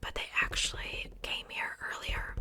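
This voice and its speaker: In a breathy, unvoiced whisper, an ASMR host unboxes items on video. She pauses between phrases and gently repeats words.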